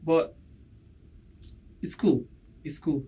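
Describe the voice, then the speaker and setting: A man's voice: a little high, fairly even intonation, drawn-out words, warm tone, breathy edge, rough recording. A young man with a Nigerian accent, co-hosting a podcast in casual chat, talkative and joking. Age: young adult. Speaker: podcast co-host.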